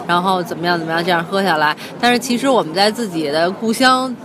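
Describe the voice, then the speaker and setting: A woman's voice: on the low side, fast talker, crowd noise. A young woman with a Beijing accent talking casually as a podcast co-host. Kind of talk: casual chat.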